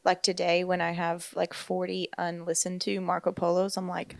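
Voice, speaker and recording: A woman co-hosting a casual faith-based podcast, chatting and reacting quickly. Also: lowish voice, completely flat delivery, creaky. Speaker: podcast co-host.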